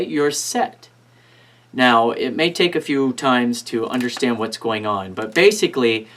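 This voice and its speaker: Male magician, mid-pitched voice, instructional card-trick patter, casual and step-by-step, talking to volunteers. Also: fairly bright tone.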